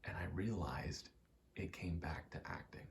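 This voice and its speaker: A young man, an ASMR creator, rambles softly and haltingly into a close mic, sharing personal stories in a low, hushed, reflective voice.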